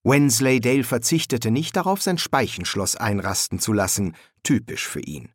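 Male audiobook narrator with a lively pitch. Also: moderate pace, no echo, clean studio sound. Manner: raises his voice high for the characters' lines. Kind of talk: scripted narration of a novel.

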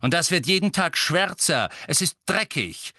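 A man's voice: a little high, very animated, normal speed, pushed and bright, no echo, clean studio sound, pitched above the performer's own voice. A man voicing a cold, contemptuous master of the house who snaps at his servant. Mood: cold contempt. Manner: curt and cutting.

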